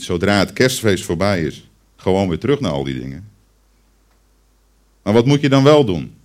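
A preacher with a deep, low-pitched voice delivers a Christmas sermon. He speaks straight to the children and the congregation, drawing them in with a story. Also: a little mellow. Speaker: pastor.

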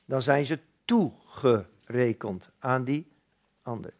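A man's voice: medium pitch, slow pace, a little mellow. A middle-aged man preaching a sermon in a conversational way, asking his listeners questions and acting out short dialogues. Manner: conversational, acts out dialogues, asks the audience questions.

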